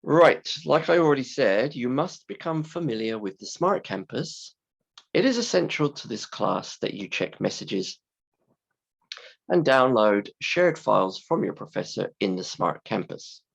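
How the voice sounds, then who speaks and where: A man teaching a class in simple, deliberate, emphatic phrases, his voice hoarse, croaky and creaky from a sore throat. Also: medium pitch, very animated, highs cut off. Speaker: university English teacher. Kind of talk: scripted-slide lesson explanation.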